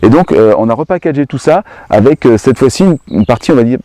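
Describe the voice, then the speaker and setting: A man's voice: mid-range voice, lively intonation, quick pace, mellow, no room sound. A man hosting a golf lesson, talking in a casual, hesitant, explanatory way. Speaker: golf course host. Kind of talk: casual instructional chat.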